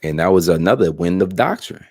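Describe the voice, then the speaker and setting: A man's voice: low-pitched, lively intonation, a little fast, darkish tone, no echo. A man hosting a religious podcast, talking in a laid-back way with many fillers. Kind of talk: casual religious discussion.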